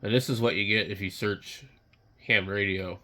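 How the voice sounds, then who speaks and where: A man who is under the weather, giving casual, unscripted commentary while browsing online, muttering in a halting, blunt way. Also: on the low side, steady tone, bright, forceful tone. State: sick, occasional coughing and throat clearing. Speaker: radio hobbyist vlogger.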